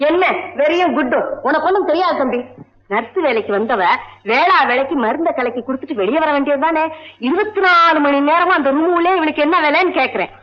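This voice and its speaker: An actress playing a sharp-tongued older mother who bosses and taunts those around her. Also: high-pitched, a little fast, close to an everyday voice. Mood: mocking. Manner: harsh, taunting, bossy. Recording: dull lo-fi old film soundtrack.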